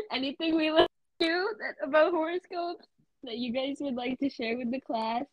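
High-voiced young woman, teasing. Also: fairly even intonation, moderate pace, dry recording, poor audio. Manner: teasing, laughs often. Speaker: podcast co-host. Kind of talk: casual chat.

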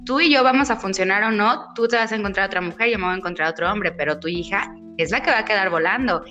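A woman talks earnestly in a relaxed conversation and explains herself by retelling what she said. Her voice is bright and sits at a middle pitch. Faint music plays underneath. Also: quick pace. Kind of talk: casual chat.

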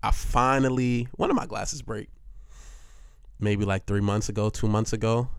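A man's voice: fairly low pitch, fairly even intonation, moderate pace, clean tone, no room sound. Young man, loose rambling chat, swears and laughs a lot, dry close mic. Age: young adult. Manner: rambling, profane, laughs often. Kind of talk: casual storytelling monologue.

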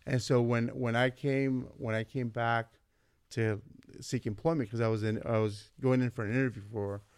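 Speaking at a normal speed in a clear, resonant, medium-pitched voice, the forties-aged vice principal from California shares stories as a podcast guest. He's animated in this casual interview, voicing other people's lines. The audio is studio quality without room sound.

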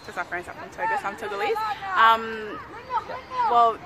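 A young woman from Ghana, an interview guest, gives an earnest, casual testimony outdoors, often saying "you know." Her voice is on the high side and sing-song at normal speed, with loud street crowd and traffic noise around her.

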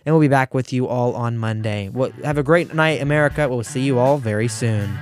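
A man's voice: mid-range voice, fairly quick, music in the background. A teenage boy hosting his own radio talk show solo, rambling with restarts and fillers while hiccuping. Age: teens.

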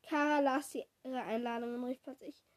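A woman slowly reading a children's storybook aloud, correcting small slips as she goes. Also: high-pitched, fairly even intonation. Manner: slow, deliberate reading with small self-corrections.

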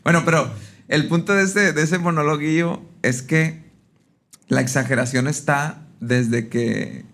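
A man with a slightly high voice talks as a podcast guest. He is a comedian and recounts old film scenes in casual chat, happily acting out the characters' lines as he goes. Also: fairly even intonation, measured pace, fairly bright tone.

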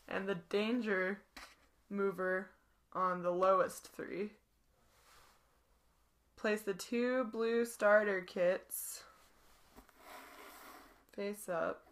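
A woman's voice: mid-range voice, steady tone, extremely slow, pauses often. A young woman co-hosting a podcast, reading a board game story aloud with giggles and playful asides. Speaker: podcast co-host.

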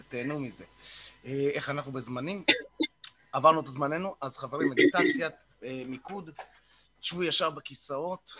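A man with a bright, forceful voice leads a morning group session over a video call. He talks casually and coaches the group, then guides a short meditation. He repeats himself and hesitates with fillers, over a faint bit of background noise. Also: medium pitch. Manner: informal, repeats words and fills pauses with "uh". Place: online video meeting.

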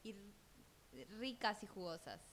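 A woman in her twenties with a Rioplatense Spanish accent, co-hosting a casual chat in an animated, gossipy way with quick exclamations. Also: mid-range voice, a little hiss or hum. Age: 20s. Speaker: co-host.

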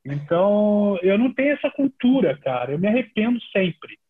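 Brazilian man, husky, on a tinny line. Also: sits high, moderate pace. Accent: Brazilian Portuguese. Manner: relaxed, chatty, many fillers. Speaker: guest, TV sports reporter. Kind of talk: casual podcast storytelling.

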